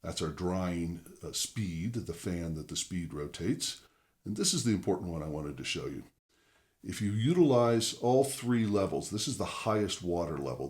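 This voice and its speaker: A man with a very low, slightly mellow voice presents a record-cleaning tutorial demonstration. Chatting straight to the viewer, he goes through each option methodically, one step at a time.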